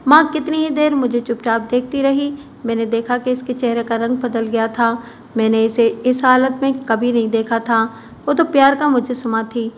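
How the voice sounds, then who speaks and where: A woman reading a crime story aloud in a steady, even storytelling manner. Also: a little high. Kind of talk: scripted narration of a crime story. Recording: muffled with faint background hiss.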